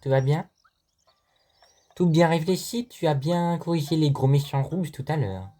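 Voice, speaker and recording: A man voicing a small, timid forest creature in a game, squeaky and whiny, with faint game music behind. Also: unhurried, warm tone, natural voice. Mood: chatty.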